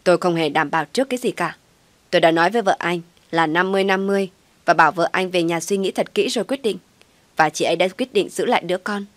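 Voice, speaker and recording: A woman's voice: lowish voice, fast, no room sound, natural voice. A woman voicing a male hospital doctor who speaks in a defensive, lecturing way.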